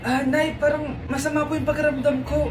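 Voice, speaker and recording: A woman voicing a put-upon young son who answers softly and politely. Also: high voice, level tone, fairly quick, distant mic, slight background noise, close to an everyday voice. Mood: meek. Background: background music.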